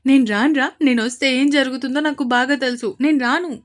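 A man's voice: very high-pitched, a little fast. A woman voicing a cheeky young man who teases and dodges his angry friend in a romance story. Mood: pleading. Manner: pleading, cheeky. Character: playful young man, teasing friend, dodging.

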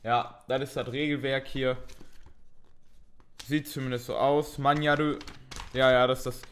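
A man's voice: mid-range voice, flat delivery, a little slow, fairly bright tone, a little hiss or hum. A young man hosting an unboxing video, chatting casually and thinking aloud with a mildly self-mocking tone.

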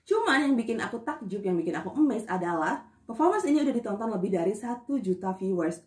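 A woman's voice: medium pitch, animated, quick pace, darkish tone. A young Indonesian woman chatting through a reaction video, gushing and teary, calling her viewers guys. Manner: gushing, emotional, slangy, addresses viewers as guys. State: teary, near crying. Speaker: YouTube reactor. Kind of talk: casual reaction video chat. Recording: echoey room with music playing behind.

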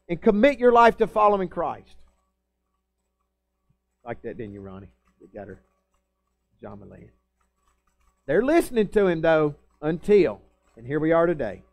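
A man preaching a sermon to his church, pleading and earnest, rising to loud scripture readings and dropping to quiet asides. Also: high-pitched, dry recording. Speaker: pastor. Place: church sanctuary.

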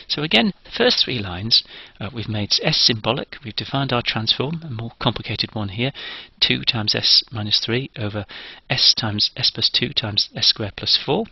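A man's voice: mid-range voice, lively intonation, moderate pace, gravelly, hardly any pauses, slightly rough, dry recording, highs cut off. A man giving a recorded engineering lecture, explaining each step methodically.

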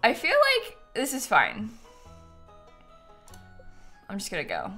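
A young woman streams a game with playful, giggly chatter. Her voice sits fairly high, swings widely in pitch and sounds bright. She talks casually and pokes fun at herself, close on the mic. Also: wildly swooping pitch, slow. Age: young adult. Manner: playful, giggly, self-deprecating gamer chatter. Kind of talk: casual live stream gaming chat. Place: small room indoors at home. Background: game music.

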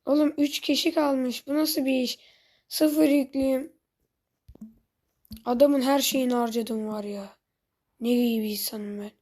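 A woman's voice: high-pitched, fairly even intonation, a little slow, pauses often, darkish tone. A woman giving casual commentary on her own gameplay. She breaks into exasperated outbursts, talks straight to her viewers, and sometimes mutters under her breath. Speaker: gaming channel host.

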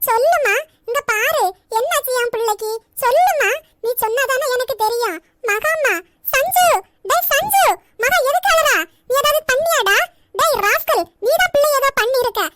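Woman voicing a shrill fussing old granny. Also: expressive, moderate pace, fairly bright tone, no room sound. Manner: coaxing, scolding in turns. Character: fussing old grandmother, loving and protective. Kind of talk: cartoon voice acting.

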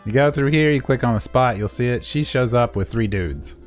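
Over gameplay and background music, a man walks viewers through a quest in a playful, informal way, acting out paraphrased dialogue and making silly sound words. He is a gaming video creator with a mid-range voice that runs a little fast.

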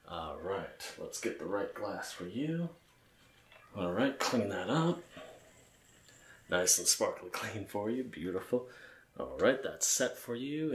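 A man's voice: fairly low pitch, reverberant, slight background noise. A man doing ASMR role-play game commentary as a bartender, with polite, attentive customer-service patter. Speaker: ASMR gamer playing a bartender.

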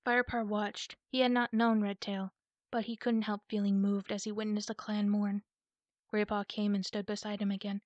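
A woman reading a children's animal novel aloud in a calm, measured soft ASMR style, close to the mic. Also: mid-range voice, dry recording, muffled recording. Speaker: audiobook reader.

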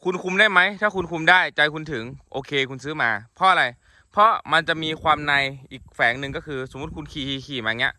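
A man with a very bright, fairly high voice talks casually outdoors at a horse paddock. He playfully coaxes and teases his horses, chuckling often. The sound is dry and close, with animals faintly behind him. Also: fast, no room sound. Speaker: horse owner and channel host. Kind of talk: casual outdoor vlog narration.

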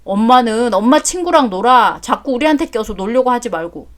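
A woman's voice: on the high side, expressive, brisk, lightly acted. A woman voicing an exasperated adult son who answers his mother curtly in a story drama. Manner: curt, exasperated. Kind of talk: story drama read aloud.

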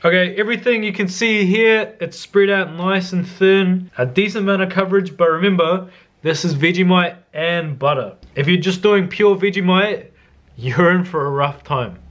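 A young adult man whose voice is slightly higher than most men's, a bit bright, and at normal speed gives laid-back, slangy instructions like a cooking vlogger. He's recorded casually in a home kitchen.

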